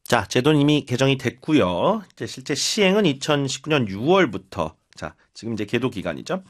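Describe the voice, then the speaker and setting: A man from Korea teaching English in a lively, encouraging way, slowing down to model pronunciation. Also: medium pitch. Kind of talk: bilingual English lesson, explaining and drilling.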